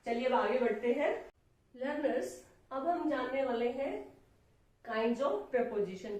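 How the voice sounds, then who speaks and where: A woman with an Indian English accent teaching a grammar lesson, slowly listing examples one by one and addressing her learners. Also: high voice, darkish tone. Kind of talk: classroom lecture mixing Hindi and English. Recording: very echoey room, distant mic.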